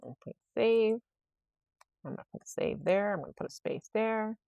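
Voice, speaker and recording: A podcast host rambles through a casual solo episode, thinking aloud and talking to herself as she fixes a problem, quoting herself, restarting often, using many fillers and laughing easily. Her mid-range voice is warm with vocal fry and lively intonation at normal speed, recorded lo-fi with no room sound.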